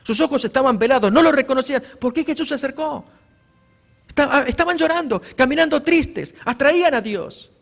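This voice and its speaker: Male pastor, high voice, preaching a sermon; swells on the scripture lines and calls the audience brothers. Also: animated, fairly quick, vocal fry, long reverb tail, faint music behind. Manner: preaching with emphatic rises on scripture readings; addresses listeners as brothers. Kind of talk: evangelistic sermon.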